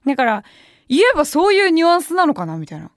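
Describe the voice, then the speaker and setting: A woman's voice: high-pitched, very animated, quick pace, no echo. A young adult woman hosting a radio show, telling a story in a chatty way with wry asides from a studio microphone. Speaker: radio host. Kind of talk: casual radio talk.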